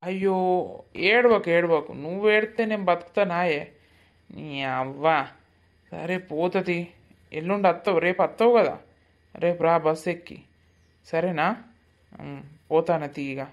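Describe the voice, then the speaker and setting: A woman voices a brash young village man in a cartoon. He speaks with a Telangana accent and pleads in a slightly low voice. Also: a little slow, pauses often, lo-fi sound. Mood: coaxing. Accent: Telangana Telugu. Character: young village man, pushy drunk ex-lover. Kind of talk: cartoon voice acting.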